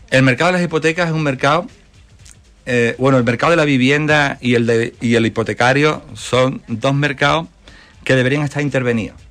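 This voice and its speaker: A man's voice: medium pitch, a bit bright. A man from Málaga, a political candidate giving earnest, fluent answers in a radio interview. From Málaga, Spain. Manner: earnest, fluent campaign talk with fillers.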